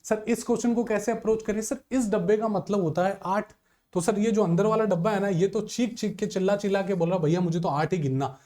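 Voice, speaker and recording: A man's voice: high-pitched, steady tone, a little fast, warm tone. A man teaching an exam-prep reasoning lesson, counting figures aloud and calling his students sir and dear children.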